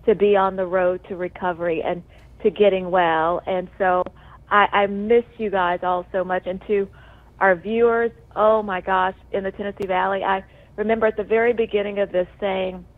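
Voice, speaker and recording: A TV news presenter on medical leave calls in over the telephone, talking casually and from the heart in an effusive, rambling way with lots of emphasis. Her medium-pitched voice stays steady at normal speed.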